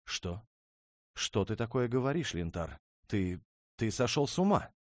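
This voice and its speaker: A man voicing a proud, hot-tempered young dragon princess in an audiobook, with loud, shrill outbursts. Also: expressive, measured pace, no room sound. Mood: outraged. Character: haughty, furious young dragon princess, female.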